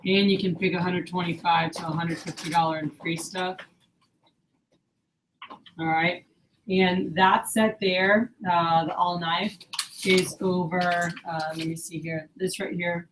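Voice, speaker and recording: Woman sales trainer, kinda low voice, upbeat coaching, quizzing the team, bit of hiss. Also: flat delivery, slow, pauses often.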